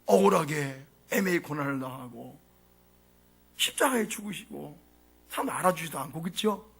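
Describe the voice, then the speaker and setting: A man preaching a sermon as a pastor, with a dramatic delivery that swings from shouts to hushed whispers, in a church sanctuary. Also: a little high, animated, moderate pace, vocal fry, breathy edge.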